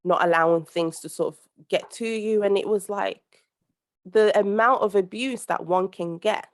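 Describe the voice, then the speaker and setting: A young adult woman from the United Kingdom speaks at a moderate pace in a mid-range voice. As a social commentator guesting on a podcast, she talks earnestly over a call, rambling and often restarting amid many fillers.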